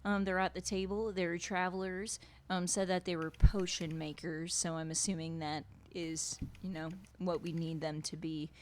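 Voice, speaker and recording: A woman voicing a casual male adventurer in a tabletop role-play, speaking in a relaxed, hesitant way full of fillers. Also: fairly low pitch, normal speed, few pauses, close to an everyday voice.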